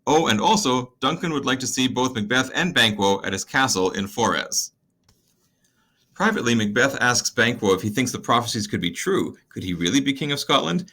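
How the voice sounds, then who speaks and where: A man with a bright, forceful voice at a mid pitch, talking through a play summary. His delivery is casual and conversational, with wry asides to the listener. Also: lively intonation, normal speed.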